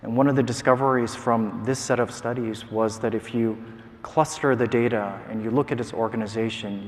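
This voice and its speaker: Man, academic lecture, lowish pitch, measured, explanatory, stage mic, reverberant conference hall. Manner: measured, explanatory, occasional filler sounds. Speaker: scientist giving a prize lecture.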